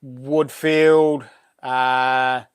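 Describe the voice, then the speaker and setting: A man's voice: medium pitch, little pitch movement, drawn-out words, clean tone, no room sound. A man with a broad New Zealand Kiwi accent hosting a casual live stream, chatting to viewers in laid-back, matey slang.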